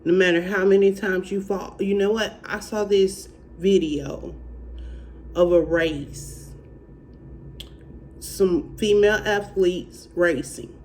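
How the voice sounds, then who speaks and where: A speaker from Alabama with a country Southern accent, talking slowly and haltingly in a personal faith testimony and encouragement vlog. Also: mid-range voice, steady tone, a little mellow, slight background noise, poor audio. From Alabama, United States. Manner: slow, halting country drawl. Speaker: faith vlogger.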